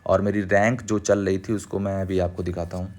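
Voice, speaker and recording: A man's voice: low voice, level tone, fairly quick, darkish tone. A young man chatting casually over gameplay, sharing tips in an advice-giving way with frequent restarts. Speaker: mobile gaming creator.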